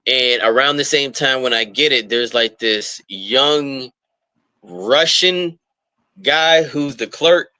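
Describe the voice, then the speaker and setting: A man's voice: mid-range voice, takes it slowly, bright, forceful tone, smooth, no room sound, rough recording. A man, a rapper, chatting as an interview guest and telling long stories with plenty of fillers and restarts. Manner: rambling storyteller with many fillers. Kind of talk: casual interview chat.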